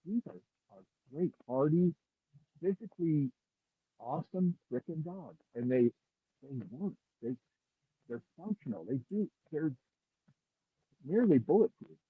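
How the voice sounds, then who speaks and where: Speaking in a fairly high voice with no echo, a man who breeds dogs talks casually over a remote call on earbuds. He wanders and keeps restarting, and the dry, husky, phone-like recording sounds muffled, like it's coming through a wall.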